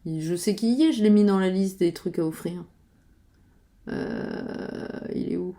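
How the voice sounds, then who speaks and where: A woman talks casually about upcoming board games, pausing with frequent fillers and muttering while she clicks through websites. Her voice sits low and mellow. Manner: chatty, hesitant, many fillers, mutters to herself. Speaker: board game youtuber.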